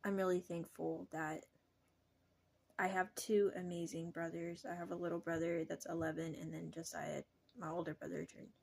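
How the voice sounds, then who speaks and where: A young adult woman talking casually to her vlog viewers, halting and pausing often mid-sentence. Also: lowish voice, little pitch movement, gravelly, darkish tone, slightly rough. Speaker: vlogger.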